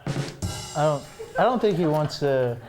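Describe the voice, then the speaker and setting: A man's voice: on the high side, lively intonation, takes it slowly, music in the background. A man guesting on a panel chat, teasing and insistent as he argues his point. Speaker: guest player. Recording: noisy with clicks.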